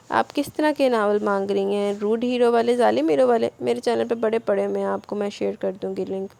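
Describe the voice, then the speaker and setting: A woman's voice: on the high side, gravelly. A woman, casually reading and answering listener comments as the narrator of an audio novel channel. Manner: warm thanking, chatty replies to listeners.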